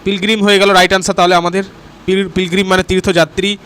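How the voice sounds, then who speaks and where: A man teaching an exam-prep lesson, explaining terms patiently and reading English questions out slowly. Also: high-pitched, little pitch movement, fairly bright tone, smooth. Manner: explains terms patiently, often checks in with 'right?'.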